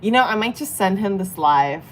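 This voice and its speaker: A young woman from San Diego, California, speaks in a mid-range, expressive voice at a moderate pace. She chats casually with her livestream viewers while reading tarot and doing her makeup at home in Vietnam, with faint background noise in the recording.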